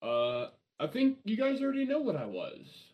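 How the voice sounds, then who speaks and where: A man's voice: sits high, huge pitch swings, moderate pace, dull audio. A man chatting playfully on a casual podcast with friends, sometimes stumbling over his words. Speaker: podcast co-host. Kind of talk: casual chat among friends.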